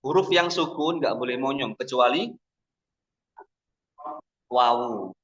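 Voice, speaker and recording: A man teaching Quran recitation, slowly demonstrating each sound with drawn-out chanting. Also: mid-range voice, a bit bright. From Indonesia. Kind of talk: tajwid lesson with demonstrations. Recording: dull lo-fi recording.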